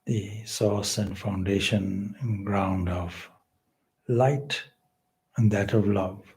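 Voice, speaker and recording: A man's fairly low, creaky voice, steady in tone and a little mellow, leads a guided meditation. As a spiritual teacher, he uses measured, deliberate, solemn phrases and lets long pauses fall between them.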